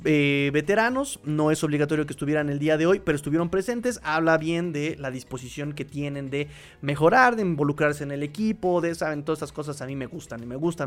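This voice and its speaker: Excitable man hosting a sports show. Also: on the high side. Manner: animated, excitable, with many fillers and restarts. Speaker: podcast host. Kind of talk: casual sports talk, reading viewer comments.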